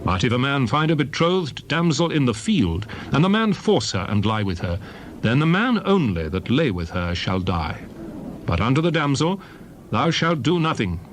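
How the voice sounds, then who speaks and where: This Bible reader, a man, is very animated as he reads ancient scripture in a solemn, dramatic manner, with measured declarative lines and wide rises and falls in his mid-pitched voice. Faint background ambience and a little hiss or hum can be heard.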